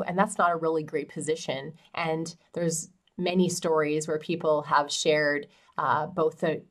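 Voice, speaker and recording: Low-voiced woman advising straight to camera. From Canada. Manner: direct, encouraging advice. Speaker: farm transition specialist. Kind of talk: educational talk to camera. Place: small indoor office.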